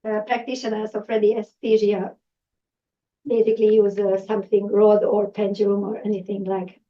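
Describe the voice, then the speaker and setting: A Hungarian woman with a Hungarian accent presents a public talk to a live audience, full of fillers and restarts. Her voice sits at medium pitch with little pitch movement and a moderate pace, captured in a distant, dull lo-fi room recording.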